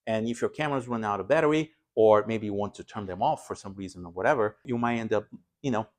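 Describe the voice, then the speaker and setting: Talking fast in a fairly low, darkish voice, an aviation vlog host and pilot gives a casual, explanatory rundown of his gear straight to camera.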